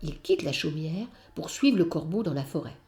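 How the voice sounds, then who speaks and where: Lively woman reading a storybook. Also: low-pitched, moderate pace. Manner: lively, expressive. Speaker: narrator.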